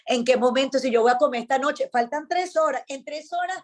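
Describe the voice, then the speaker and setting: A woman with a Venezuelan accent speaks with a notably high voice, telling a personal testimony in a relaxed interview. She brings the story to life by acting out each person's lines. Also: brisk. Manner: animated storyteller, acts out dialogue. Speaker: radio host, interview guest. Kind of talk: casual testimony chat.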